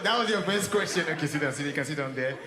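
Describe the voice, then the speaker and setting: A man hosts a church singles event in a large hall, joking with the audience and calling for rounds of applause in an upbeat way. His voice is on the high side, expressive and fast. The recording carries hall echo and crowd noise.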